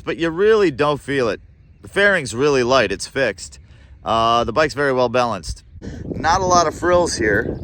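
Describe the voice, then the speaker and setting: A man talks his way through a motorcycle review in a relaxed, chatty manner, cracking the odd joke as he goes. His voice sits in a middle pitch, and it is recorded outdoors on the road. Heavy wind and engine noise roar behind him. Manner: chatty, joking asides. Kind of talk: casual ride-along review.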